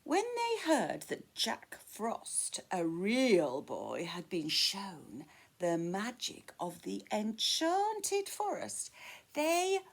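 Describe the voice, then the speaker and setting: A woman's voice: medium pitch, huge pitch swings, drawn-out words, gravelly. A woman reading a children's story aloud in a dramatic way, dropping to whispers at tense moments.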